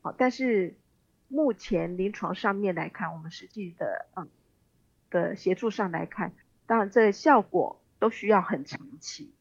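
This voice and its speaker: A woman's voice: mid-range voice, animated, normal speed, vocal fry, husky, muffled recording. A woman with a Taiwanese accent speaking as an expert guest in a radio interview, explaining things conversationally with empathy and the odd English word. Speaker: expert guest, special education professor.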